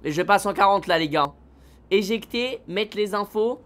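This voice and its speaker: A man live-streaming a video game, excitable and slangy, talking straight to his chat. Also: high-pitched, normal speed.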